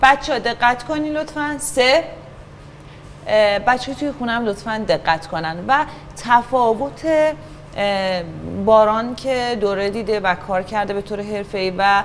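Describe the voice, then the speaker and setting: A woman teaching a children's acting class, patient and encouraging, giving instructions and asking the class to keep quiet and pay attention. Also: a little high, slight background noise.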